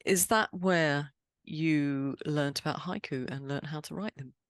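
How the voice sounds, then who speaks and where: A woman from England hosting a poetry podcast, talking in a chatty, brisk, cheerfully emphatic way and interviewing a guest. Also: low-pitched, no echo. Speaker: podcast host.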